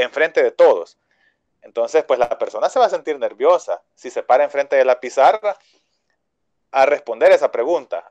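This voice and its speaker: A man's voice: medium pitch, no room sound. A man with a Salvadoran Spanish accent, an English school owner, patiently explaining his teaching method in an interview, with many fillers and restarts.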